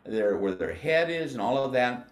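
An older man from the United States teaching band, explaining flute technique patiently and sounding out syllables slowly. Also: medium pitch, big pitch swings, echoey room. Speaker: music educator. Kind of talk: instructional demonstration.

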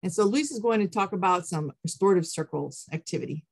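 Female webinar trainer, lowish register, encouraging, interactive delivery, dry recording. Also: expressive, fast talker, breathy edge, dry recording. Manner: encouraging, affirming participants' answers. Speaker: teacher trainer, webinar presenter. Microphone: computer mic on an online call.

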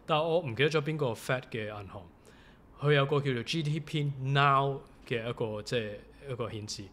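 A man's voice: medium pitch, a little fast, a bit bright. A man with a Hong Kong Cantonese accent chatting as co-host, enthusiastic and geeky about economic data. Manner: enthusiastic, self-described geek. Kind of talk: casual chat.

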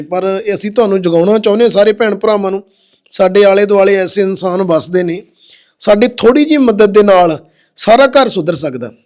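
A man hosting a social welfare video. He speaks in a gentle, consoling way, repeats himself and appeals to viewers while standing at a rundown house. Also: sits high. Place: indoors and outside a rundown house.

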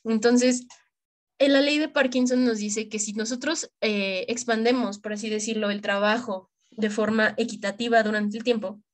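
A woman's voice: on the high side, steady tone, moderate pace. A young adult woman from Mexico with a Mexican accent, giving an informal tutorial in colloquial, slangy language, speaking straight to the listener. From Michoacán, Mexico. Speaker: tutorial presenter for medical students. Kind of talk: informal screen-share tutorial.

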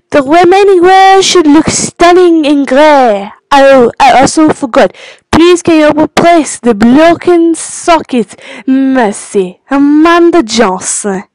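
Polite French woman client, exaggerated French accent, high voice, dry close sound; woman doing the voice. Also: no room sound, rough recording. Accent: put-on French.

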